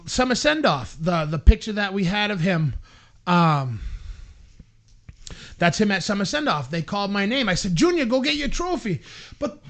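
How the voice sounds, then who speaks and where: A man tells a story in a relaxed podcast chat. He acts out what people said and shouts at the peaks. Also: high-pitched, moderate pace, pauses often. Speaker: podcast co-host.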